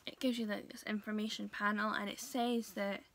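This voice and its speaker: A young woman talking casually to her viewers in a vlog, hesitant and full of pauses and fillers. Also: mid-range voice, level tone, fairly bright tone. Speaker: vlogger. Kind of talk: casual vlog talk to camera.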